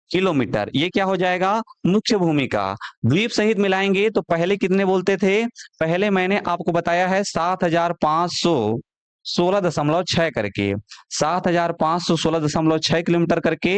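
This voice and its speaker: Man, exam tutor, high voice, dry close mic, repeats facts. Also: clear, resonant tone, no room sound. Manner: asks questions and answers them himself, repeats key facts. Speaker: exam-prep teacher. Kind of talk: online classroom lecture.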